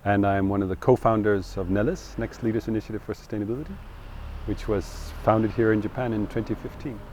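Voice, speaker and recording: A middle-aged man, speaking in English, talking earnestly and thoughtfully in an interview and pausing to find his words. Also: lowish voice, fairly even intonation, a little mellow, slight background noise. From Denmark. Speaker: co-founder interviewee. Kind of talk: reflective interview talk.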